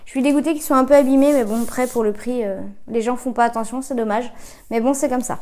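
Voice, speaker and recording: Woman, high voice, casual haul vlogger; hesitant, filler-heavy, self-correcting delivery; phone-camera sound. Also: quick pace, mellow. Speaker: vlogger reviewing discount-store buys. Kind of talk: casual chatty product haul.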